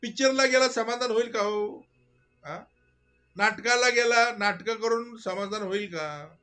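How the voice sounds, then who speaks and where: Man, devotional teacher, high-pitched, keeps asking rhetorical questions. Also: a little slow. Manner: rhetorical questions, swings from soft to loud. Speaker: spiritual teacher. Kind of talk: devotional discourse.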